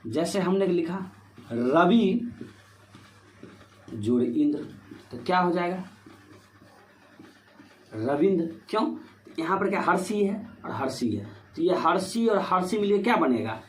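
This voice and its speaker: A man's voice: high-pitched, big pitch swings, unhurried, long pauses. A man teaching Hindi grammar for board exams, asking himself questions and filling with "ठीक है" as he explains step by step. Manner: repetitive rhetorical questions, "ठीक है" fillers. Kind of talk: board-exam grammar lesson. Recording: echoey room with faint noise.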